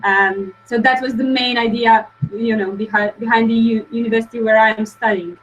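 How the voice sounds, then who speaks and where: Young woman, webinar guest, halting delivery, fairly high voice. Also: steady tone, muffled recording, slight background noise. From Croatia. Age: young adult. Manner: hesitant, filler-heavy, many restarts. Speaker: guest speaker. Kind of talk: webinar presentation.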